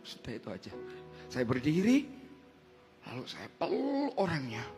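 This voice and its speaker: A young adult man, a worship leader, telling his testimony in a sermon, moving between hushed and loud, emotional storytelling. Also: high-pitched.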